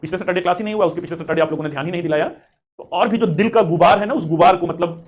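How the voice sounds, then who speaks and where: This is a live online coaching class in which a male history teacher prepares civil service exam aspirants and responds to chat questions. His voice is fairly high and quick, his manner encouraging and chatty; he calls students beta and weaves English terms through his Hindi.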